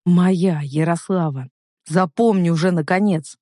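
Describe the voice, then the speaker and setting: A man plays a domineering, possessive young man who speaks slowly and forcefully. His voice stays close and dry. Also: sits high, no echo. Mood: angry. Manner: forceful, slow and loud.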